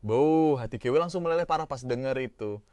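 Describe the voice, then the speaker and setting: A man's voice: mid-range voice, fast, darkish tone, smooth, no echo. A man telling a story recap in a chatty, slangy first-person way.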